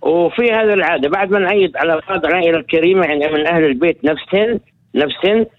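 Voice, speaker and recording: A man phones into a radio show and talks at a rapid clip in a fairly high voice. He rambles, restarting and repeating words as he goes. The sound comes through a thin, tinny phone line. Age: 50s. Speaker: phone-in guest, retired colonel. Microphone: telephone.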